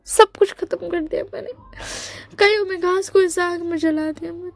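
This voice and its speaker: A woman's voice: very high-pitched, fairly even intonation, moderate pace, pitched above the performer's own voice. A woman voicing a remorseful mother who pleads tearfully for forgiveness in a storytelling. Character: remorseful mother sobbing out apologies.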